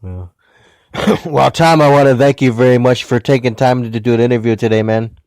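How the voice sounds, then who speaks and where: A man's voice: mid-range voice, normal speed, a little mellow, dry recording, poor audio. A man interviewing a metal musician in a casual way, sometimes repeating his questions.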